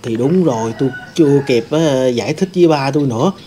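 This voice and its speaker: A man's voice: medium pitch, fairly quick, warm tone, slight background noise, close to an everyday voice. A man playing a sorrowful wronged ghost. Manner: rambling storytelling, many fillers. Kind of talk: staged ghost-hunting role-play.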